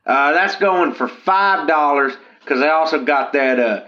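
A man's voice: on the high side, measured pace, bright, forceful tone. An actor playing a simple, folksy man who rambles and hesitates as a caller on a radio call-in show, heard over the phone. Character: simple folksy man selling odd socks. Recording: muffled phone line.

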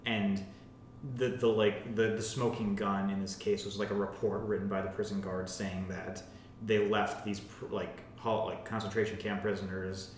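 Low-voiced man, filler-heavy, very echoey room. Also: level tone, moderate pace. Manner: filler-heavy, says "like" constantly. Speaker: podcast host. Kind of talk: casual plot summary and discussion. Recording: very echoey room, faint rumble.

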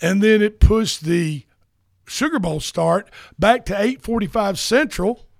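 A man's voice: high-pitched, expressive, measured pace, gravelly, no echo, clean studio sound. A man hosting a sports radio show, chatting casually and rambling with repeats.

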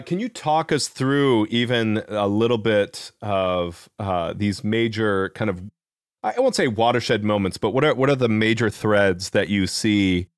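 A man's voice: fairly low pitch, clear, resonant tone, no echo, clean studio sound. A man with a Midwestern American accent hosting a podcast interview, talking loosely with many fillers and restarts. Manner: rambling with frequent fillers and restarts. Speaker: podcast host. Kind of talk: casual interview.

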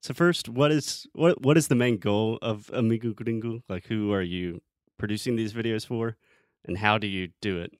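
A man hosting a casual interview as a relaxed chat with his guest. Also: on the low side, normal speed, dry recording, studio quality. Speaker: host, interviewer.

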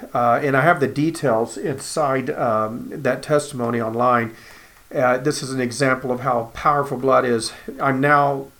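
A man's voice: mid-range voice, fairly bright tone. A man, earnestly telling his own cancer story as personal testimony and acting out the dialogue.

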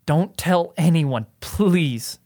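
A shy, anxious teenage boy, voiced by a young man in an audio drama. He speaks with a slightly raised pitch, stumbles over his words and hesitates. His manner is halting and pleading. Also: expressive, darkish tone, full character voice. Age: young adult. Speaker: nephew. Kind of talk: student radio drama acting.

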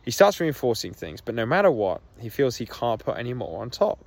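A man speaking candidly to his podcast listeners while out on a walk. He sounds open and emotional, and he leans on "like" as a filler. His voice sits at an ordinary middle pitch for a man. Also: very animated, fairly quick, vocal fry, no echo. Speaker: podcast host. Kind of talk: candid solo podcast monologue. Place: outdoors on a walk.

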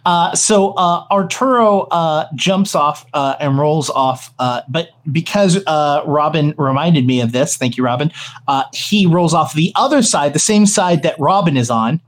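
A man's voice: on the high side, unhurried. A man narrating a tabletop game as game master, improvising hesitantly and thinking aloud.

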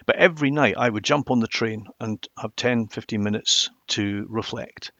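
A mature man with a Highland Scottish accent, telling stories reflectively and emphatically in a conversational interview. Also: moderate pace, fairly bright tone, no echo, highs cut off. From Inverness, Highlands of Scotland. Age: middle-aged or older. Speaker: interview guest, former television journalist.

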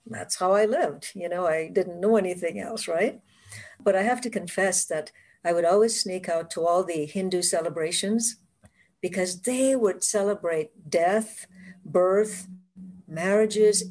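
A woman from the Caribbean with a West Indian accent, the guest author on a video call, telling stories from her childhood with frequent laughs. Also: lowish voice. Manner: warm storytelling, laughs often. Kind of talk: casual interview conversation.

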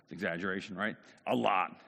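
A man's voice: low voice, brisk, gravelly. A man preaching a conversational sermon, telling the story casually with many restarts and asides, in a church hall. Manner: casual, animated storytelling, self-interrupting. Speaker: pastor. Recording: long hall reverb.

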